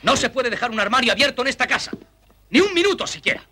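An actor playing an indignant male lodger who accuses the house of theft, in a shrill, outraged voice with a gravelly, husky edge. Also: lively intonation, quick pace, bright, forceful tone, a little hiss or hum, exaggerated voice. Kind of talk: film dialogue.

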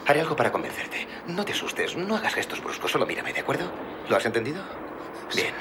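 A man's voice: medium pitch, huge pitch swings, fast, noisy background. A man playing a cocky, hot-headed young mob enforcer in dubbed film dialogue, brash and commanding. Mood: threatening. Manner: brash and commanding, swings from coaxing to threats.

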